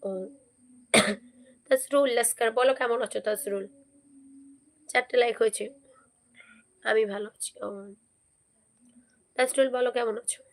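A hoarse woman hosting a casual live stream, chatting and repeatedly urging viewers to comment and subscribe. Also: on the high side, fairly even intonation, normal speed, pauses often.

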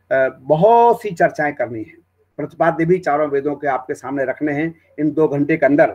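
A man lectures on Vedic recitation in a somewhat high voice. He explains pronunciation step by step, pausing with hesitant fillers, then chants Sanskrit verses slowly and carefully. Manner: explanatory classroom delivery with frequent hesitations. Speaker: Veda teacher.

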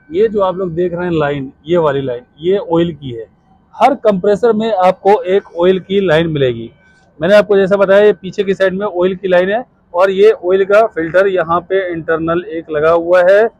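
A man's voice: high-pitched, moderate pace, darkish tone, no echo, muffled recording. Man explaining a chiller outdoors. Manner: explains step by step, pointing at parts. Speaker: HVAC instructor. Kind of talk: hands-on technical explanation. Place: outdoors on a rooftop beside a chiller unit. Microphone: phone camera held by a helper.

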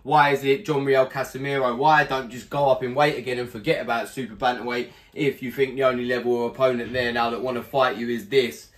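Speaking a little fast with few pauses, a young man with a hoarse, medium-pitched voice previews a fight for his boxing channel. He's blunt, animated and swears freely, talking to camera from a small home room.

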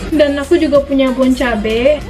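High-voiced young woman vlogging in her kitchen. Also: unhurried, music in the background. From Indonesia. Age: early 20s. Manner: chatty, addresses viewers as guys. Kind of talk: casual vlog chat. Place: small apartment kitchen, indoors. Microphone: handheld camera at arm's length.

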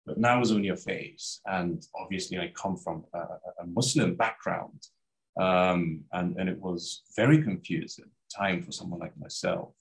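A man in his thirties from Iraq, appearing as a guest scholar, gives a video-call interview via webcam from his study with bookshelves. His creaky voice sits low at a moderate pace, and his speech is hesitant, full of fillers and restarts, in a low-quality recording.

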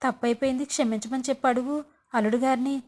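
A woman's voice: high voice, fairly even intonation, fast, a little mellow, lightly acted. A woman voicing a middle-aged mother who sternly scolds and advises her married daughter. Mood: scolding.

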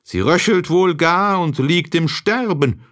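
A man's voice: fairly high pitch, animated, slow pace, a bit bright, pitched above the performer's own voice. A man voicing a concerned hunter in a fairy tale, thinking aloud in a raised voice. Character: passing male hunter, concerned.

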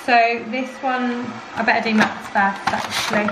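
A woman's voice: on the high side, level tone, measured pace. A woman in her twenties chatting enthusiastically to camera in a lifestyle vlog, full of likes and literallys. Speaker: lifestyle vlogger. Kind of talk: casual vlog chat to camera. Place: home and shops, indoors. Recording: roomy sound, distant mic, clear background noise.

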